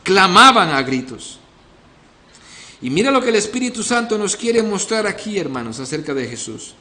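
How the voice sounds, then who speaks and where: A man's voice: sits high, sing-song, fairly quick, roomy sound. A male pastor preaching an expository sermon, earnestly questioning the congregation. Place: church.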